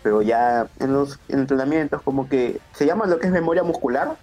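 A young man, a wrestler telling stories in a casual interview, his voice jumping up when excited. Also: a little fast, soft background music. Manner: animated storyteller, voice jumps high when excited. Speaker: pro wrestler guest.

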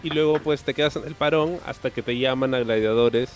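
A man interviewing a wrestler, asking relaxed, joking questions. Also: medium pitch, fairly quick, soft background music. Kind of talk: casual interview.

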